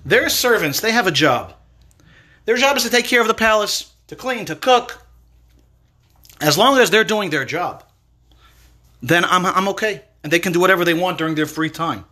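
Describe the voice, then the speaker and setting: A man's voice: high voice, moderate pace, pauses often, full character voice. A man voicing a stern king who scolds his son in a told parable. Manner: calm to servants, roaring at his son. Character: stern angry king, father of a prince.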